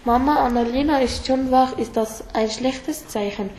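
A woman's voice: high voice, steady tone, moderate pace, darkish tone, natural voice. A woman voicing a sleepy, worried schoolgirl in a read-aloud story. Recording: roomy echo, faint background hiss.

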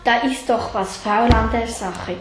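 A woman's voice: a little high, fairly even intonation, measured pace, over music, voice pushed down, natural voice. A woman voicing an eager, curious girl in a read-aloud story, in an echoey room.

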